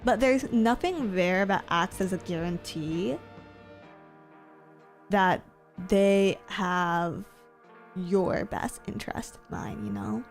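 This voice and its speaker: A woman streamer and VTuber content creator chats casually with viewers during a gaming livestream, rambling and often repeating her phrases. Her mid-range voice is slow and gravelly, marked by long pauses, with soft music playing in the background.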